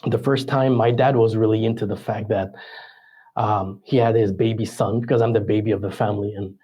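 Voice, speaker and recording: A man in his forties from Ottawa, Canada, speaking with a French-Canadian accent, tells his story as a podcast guest. His voice is lowish and breathy, and he is relaxed and casual, using many ums and pauses.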